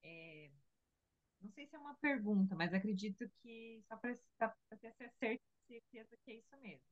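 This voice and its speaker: A woman's voice: fairly high pitch, normal speed. A woman asking a hesitant question on a video call, repeating small words and trailing off as she searches for them. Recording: dull lo-fi video-call audio.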